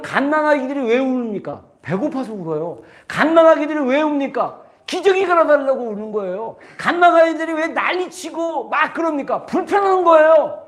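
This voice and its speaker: A pastor in his forties preaches in a church, his voice unusually high for a man. He speaks earnestly and pushes key lines out with force. Between those points he tells personal stories with light laughter. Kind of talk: sermon. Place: church sanctuary.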